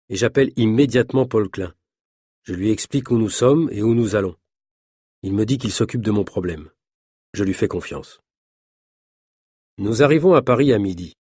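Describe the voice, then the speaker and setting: A man reading a story aloud as scripted narration for French learners, in a clear, even storytelling manner. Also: mid-range voice, no echo, studio quality.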